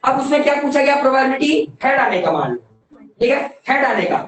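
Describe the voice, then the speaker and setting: A woman teaching a maths class, mixing Hindi with English terms, questioning students often and slowing down to dictate definitions. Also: sits high, big pitch swings, far from the mic. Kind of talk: classroom lecture. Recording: very echoey classroom, voice from afar.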